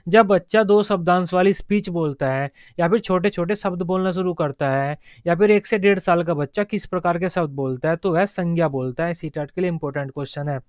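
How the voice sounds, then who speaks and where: A male teacher lectures for exam preparation, walking through each point and repeating it. His voice sits high and sounds smooth and crisp. The sound is dry and close. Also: no echo. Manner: explains step by step, repeats key points.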